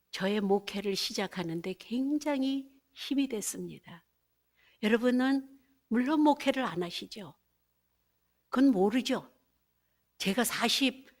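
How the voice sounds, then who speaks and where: A woman pastor in her fifties giving a sermon testimony, telling her story and acting out her own prayers, with English phrases dropped in. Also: fairly high pitch.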